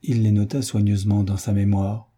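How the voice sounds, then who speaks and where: A man narrating a novel as an audiobook reader, in a measured, even storytelling manner. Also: lowish voice, breathy edge. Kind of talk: scripted literary narration.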